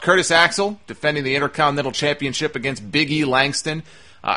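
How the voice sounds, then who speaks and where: A man's voice: medium pitch, bright, forceful tone. A man hosting a solo wrestling podcast, giving opinionated commentary in a conversational way. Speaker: podcast host.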